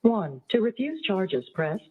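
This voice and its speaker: A woman's voice: mid-range voice, very animated, a little slow, husky. A woman giving a polite recorded menu prompt, heard over a jail payphone line. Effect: played over a jail payphone line. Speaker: automated call prompt. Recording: tinny phone line with crowd noise.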